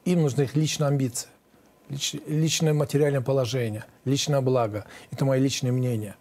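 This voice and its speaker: A man in his fifties, a lawyer being interviewed, answering in a halting, repetitive, defensive way. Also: medium pitch, steady tone, a little mellow. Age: 50s. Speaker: lawyer, guest.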